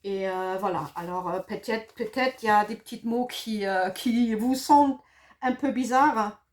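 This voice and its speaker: A middle-aged German woman with a German accent explains a paper craft project in a mid-range, unhurried voice. As a craft demonstrator she sounds casual and hesitant, using many fillers and correcting herself.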